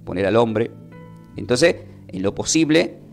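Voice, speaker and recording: A man teaching a Bible lesson, slowly spelling out and repeating words for his listeners. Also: medium pitch, lively intonation, gravelly, soft background music. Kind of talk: sermon.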